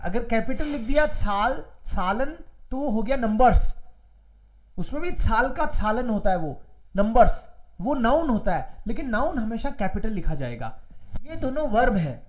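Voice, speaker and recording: A man's voice: very high voice, sing-song, measured pace, poor audio. A man from India teaching an online German class, repeating each word and mixing Hindi with English.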